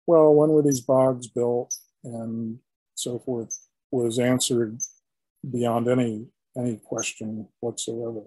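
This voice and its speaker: An older man, a historian, giving an illustrated lecture in a halting, explanatory way with frequent restarts. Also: mid-range voice, flat delivery, dark tone, breathy edge, no room sound, poor audio. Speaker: historian giving a guest talk.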